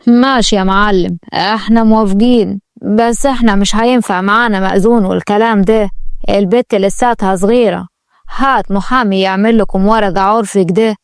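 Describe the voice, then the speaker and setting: A woman voicing a greedy, sharp-tongued middle-aged stepmother who scolds and bosses people around. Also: mid-range voice, fairly even intonation, fairly quick, smooth, no room sound, clean studio sound, lightly acted. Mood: haggling. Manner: scolding and bossy.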